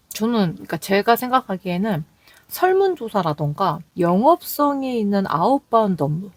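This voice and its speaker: A young Seoul-accented woman, a call center agent, chats candidly on a casual vlog about her job, quoting callers as she tells her stories. Her voice is mid-range and a little mellow.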